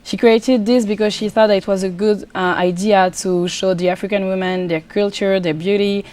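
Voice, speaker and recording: This young Congolese woman speaks with a French accent in a mid-range, slightly mellow voice with fairly even intonation. A pageant contestant and student guest from the Democratic Republic of Congo, she responds earnestly to casual interview questions, frequently restarting what she says.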